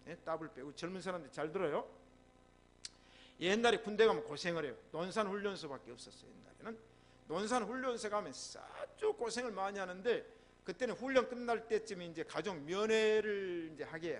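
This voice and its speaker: A man with a Jeolla accent preaching a sermon as pastor, telling stories and prompting replies from the congregation. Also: high voice. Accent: Jeolla Korean. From Jeolla, South Korea. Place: church sanctuary.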